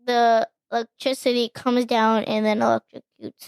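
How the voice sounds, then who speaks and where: High-voiced woman rambling eagerly. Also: flat delivery, normal speed, gravelly, smooth, no room sound. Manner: eager, rambling, with many likes and restarts. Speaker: podcast guest. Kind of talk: casual movie recap chat.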